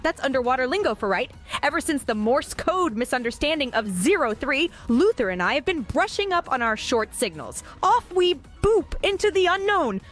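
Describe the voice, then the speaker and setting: A woman's voice: high voice, very animated, moderate pace, a bit bright, soft background music. A synthetic woman's voice playing a cheery young female cartoon fish, bubbly and full of sea puns. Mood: playful.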